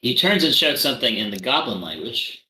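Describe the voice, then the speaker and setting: Lively male game master in a roomy space. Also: mid-range voice, fairly quick, slight background noise. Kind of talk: narrating a tabletop game.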